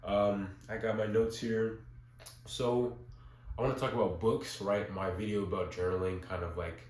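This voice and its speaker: Low-voiced young man, stuffy nose. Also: little pitch movement, normal speed, darkish tone. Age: young adult. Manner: informal, rambling, often checking in with "right?". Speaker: vlogger. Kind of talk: casual spoken vlog. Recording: roomy echo, noticeable background hiss.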